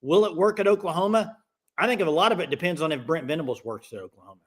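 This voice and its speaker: A man's voice: fairly high pitch, fast. A man hosting a casual live sports call-in show, talking conversationally to callers and viewers.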